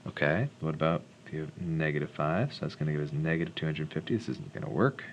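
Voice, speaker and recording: A man's voice: rumbling low, fast, lo-fi sound, slight background noise. A man teaching math, talking himself through a worked solution in a casual, mumbling way with wry little jokes. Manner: mumbles calculations, jokes self-deprecatingly.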